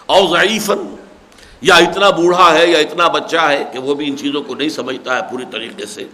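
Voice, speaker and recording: A man's voice: a little high, pushed and bright. An older man giving a religious lecture, reciting Arabic verses and then explaining them patiently. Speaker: Quran scholar giving tafseer.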